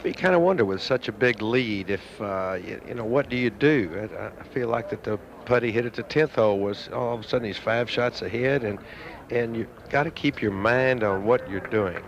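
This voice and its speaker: A man's voice: mid-range voice, moderate pace. A man giving informal, reflective golf commentary as an analyst on an old television broadcast. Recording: dull, noisy vintage TV broadcast.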